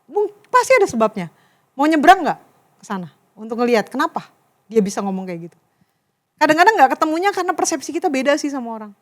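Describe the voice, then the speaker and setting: A young woman giving a chatty, animated youth sermon and talking straight to the crowd. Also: sits high, quick pace. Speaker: youth preacher. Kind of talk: casual sermon.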